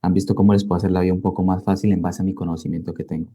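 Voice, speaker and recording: Racing along in a warm, low voice with a level tone, a man in his twenties tells his own story conversationally. He has a Colombian accent, hails from Cali, and appears as an interview guest who runs a digital marketing business.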